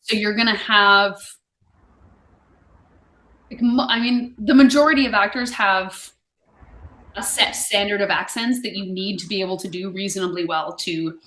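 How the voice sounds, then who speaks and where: A woman's voice: medium pitch, steady tone, moderate pace, long pauses, bright, forceful tone. A woman tutor chatting casually in an online lesson. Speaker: online English tutor and stage actor. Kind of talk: casual video-call lesson chat. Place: indoor room on a video call. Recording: echoey room.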